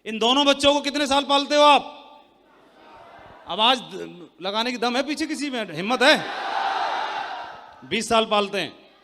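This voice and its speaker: A man giving a motivational sales talk on a handheld mic to a live audience, loud and teasing, quizzing the crowd. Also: extremely high pitch, lively intonation, normal speed, long reverb tail, background noise. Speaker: seminar speaker. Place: large hall with an audience.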